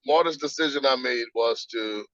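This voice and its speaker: A man's voice: medium pitch, normal speed, a bit bright, dry recording, dull audio. A man guest on a video call, quoting scripture and explaining points step by step in a teaching manner. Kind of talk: casual interview, teaching.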